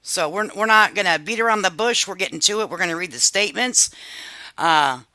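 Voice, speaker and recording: A woman running a reaction commentary channel pauses another video to talk over it chattily, scolding commenters and laughing at herself. Her lowish voice is expressive and bright with a forceful tone, and there's no room sound.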